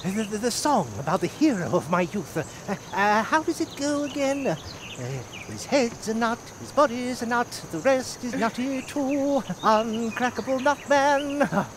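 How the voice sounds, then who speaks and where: A man's voice: high voice, very animated, normal speed, background noise. A man voicing an elderly mouse merchant in a video game, with a theatrical, hammy stage-actor delivery and stammering sales patter. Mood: nostalgic, flustered. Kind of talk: video game character acting.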